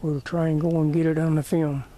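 A man's voice: a little high, level tone, fast, dark tone. A man with a Southern US accent giving casual running commentary on a hunt while filming outdoors. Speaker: hunter filming a rabbit hunt. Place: outdoors in brushy woods. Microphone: handheld camera held by the speaker. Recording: outdoor handheld camera, faint noise.

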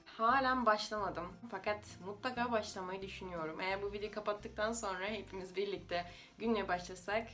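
A woman's voice: mid-range voice, fairly bright tone. Russian-accented woman speaking non-native, slightly unidiomatic Turkish. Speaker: language-learning video creator. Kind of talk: informal explanatory talk to viewers.

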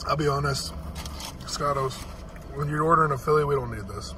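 A man's voice: fairly high pitch, a little fast. A blunt, profane man reviewing food in casual chat, talking with his mouth full. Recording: distant mic with faint noise.

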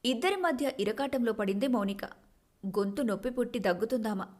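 A woman storyteller giving scripted, expressive narration of a family story. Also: a little high, fairly quick.

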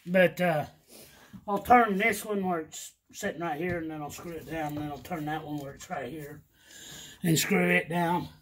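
Husky, plain-spoken older man. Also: fairly high pitch, normal speed, fairly bright tone. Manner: plain-spoken, matter-of-fact, folksy. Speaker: handyman partner explaining an installation. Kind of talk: casual practical explanation. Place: indoors in a small trailer kitchen. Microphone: off-camera phone held by another person.

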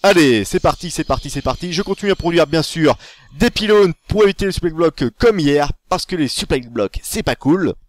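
A man giving a casual tutorial, commentating over his own game. He is chatty and excitable and corrects himself as he goes. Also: on the high side, normal speed. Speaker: gaming tutorial host.

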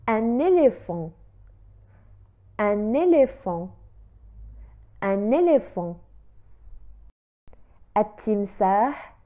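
Female language teacher, very slow, careful repetitions, thin phone-quality sound. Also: medium pitch. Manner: slow, carefully repeated French words between quicker Arabic explanations. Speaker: French teacher. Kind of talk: language lesson.

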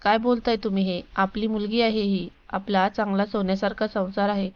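A woman's voice: mid-range voice, little pitch movement, normal speed, muffled recording, lightly acted. A woman voicing a hurt wife and mother who confronts and pleads with her husband. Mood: upset. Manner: accusing, pleading.

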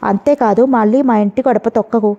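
A woman voicing a jealous young wife who speaks in sharp, sarcastic taunts, read in a storybook. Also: mid-range voice, steady tone, brisk, close to an everyday voice. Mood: scornful. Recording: dull lo-fi audio.

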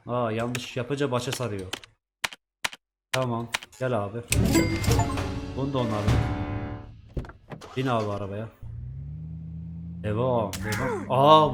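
A man's voice: medium pitch, moderate pace, pauses often, over music. A man giving casual let's-play commentary, chatting to himself and swearing at the game's characters. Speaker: gaming YouTuber.

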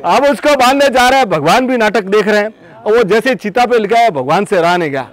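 Guy doing motivational storytelling, super high voice, folksy and chatty, keeps calling you boss. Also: brisk. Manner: folksy, animated, addresses listeners as boss.

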